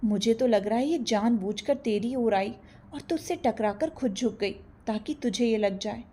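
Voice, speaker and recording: A playful young male college student who turns sheepish and stammering when caught out, voiced by a woman narrating an audio story. The voice sits fairly high with a dark, husky tone. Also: moderate pace. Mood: flustered.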